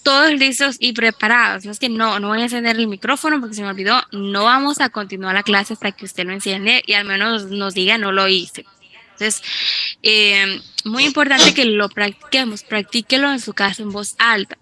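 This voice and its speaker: A woman teaching an online English class, who explains in Spanish and slowly repeats English phrases to model their pronunciation. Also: medium pitch, bright, forceful tone.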